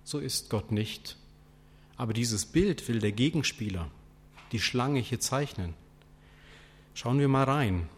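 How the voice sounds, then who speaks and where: A male preacher delivers his sermon at an unhurried pace, posing rhetorical questions one after another. His voice sits at an ordinary middle pitch. A long reverb trails each phrase, as in a large church hall. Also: expressive, husky.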